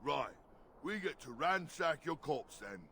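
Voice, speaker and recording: A man's voice: fairly high pitch, very animated, measured pace, sharp tone, slight background noise, full character voice. An actor playing a blunt, menacing bandit henchman in a fantasy game. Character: gravelly thuggish bandit henchman.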